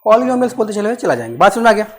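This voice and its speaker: A woman teaching maths in class. She keeps checking that students understand and repeats phrases slowly while dictating. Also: mid-range voice, sing-song, slight background noise.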